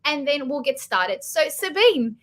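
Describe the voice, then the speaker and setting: High-voiced enthusiastic woman host. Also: big pitch swings, a little slow, fairly bright tone. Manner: enthusiastic, gushing. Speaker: webinar host. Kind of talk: hosting an online masterclass.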